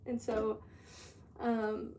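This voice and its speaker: Reading viewer comments while she works clay, a young Southern California livestreamer chats casually and giggles in her home pottery studio. Her fairly high voice is a little mellow and monotone, with drawn-out words. A distant mic picks her up with music behind and slight background noise.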